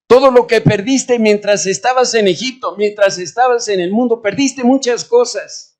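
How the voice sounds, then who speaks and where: Male pastor, sermon delivery, high pitch, rhetorical and shifting in volume. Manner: preaching with rhetorical questions and shifts between loud and quiet. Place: church.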